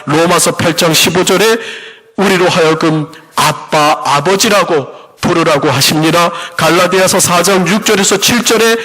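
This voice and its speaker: A man's voice: normal speed, sharp tone, big-room sound, poor audio. A man preaching a fervent sermon as pastor of a church congregation. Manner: fervent preaching, rising in pitch for emphasis. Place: church sanctuary.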